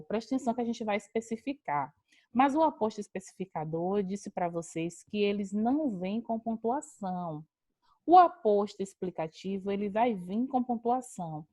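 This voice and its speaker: A woman's voice: medium pitch, dark tone, no echo. A young adult woman, teaching a grammar lesson over a video call and addressing her students directly.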